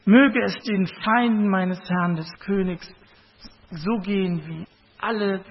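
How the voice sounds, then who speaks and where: A man's voice: high voice, takes it slowly, breathy edge, heavily acted. Man reading as a solemn foreign messenger. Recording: dull lo-fi recording.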